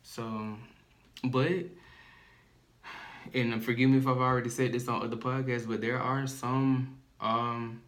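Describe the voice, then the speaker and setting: Slow-talking man co-hosting a podcast. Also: mid-range voice, little pitch movement, a bit bright. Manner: slow, thoughtful, hedging with many fillers. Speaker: podcast co-host. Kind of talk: casual chat.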